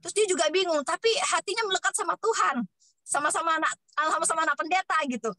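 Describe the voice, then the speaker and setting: A woman's voice: very high voice, fast talker, bright, forceful tone, no echo, low-quality recording. A woman sharing a personal testimony at a church meeting, telling it in a chatty, colloquial way with many fillers. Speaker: church member giving testimony.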